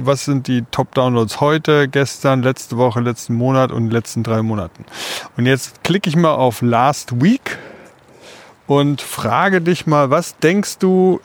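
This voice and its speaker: Male co-host, medium pitch, explaining things casually while out walking. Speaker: podcast co-host. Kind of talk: casual podcast chat. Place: outdoors, walking through city parks.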